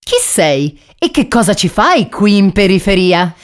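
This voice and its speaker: A woman's voice: mid-range voice, big pitch swings, unhurried. A woman voicing a friendly, bold male stray dog who talks in an easygoing, reassuring way.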